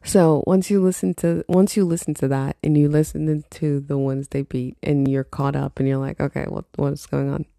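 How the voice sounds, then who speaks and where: Stuffed up and husky with a low morning voice, a young woman runs her own laid-back podcast, wandering off topic and laughing at her own expense. She speaks at a normal speed with few pauses, in a level, warm tone, recorded dry with studio quality.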